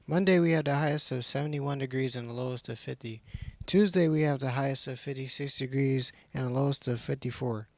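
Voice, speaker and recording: A man's voice: medium pitch, a little fast, darkish tone, no room sound. A teenage male student presenting a scripted weather forecast for a school show.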